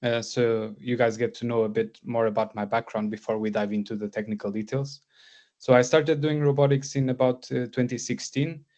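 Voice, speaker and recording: This Portuguese man in his thirties is giving a guest academic lecture over a video call, hesitating often with many fillers and restarts. He speaks at a moderate pace in a steady, medium-pitched, somewhat dark voice, and the lo-fi recording sounds slightly dull.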